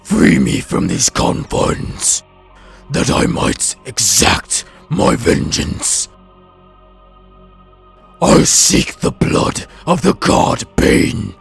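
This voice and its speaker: A man voicing a huge, wrathful, hungry god in a tabletop game, with a deep, raspy, booming, grandiose bellow. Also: huge pitch swings, very slow, faint music behind, full character voice. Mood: wrathful, demanding. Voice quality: deep, gravelly, raspy roar. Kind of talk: tabletop game role-play.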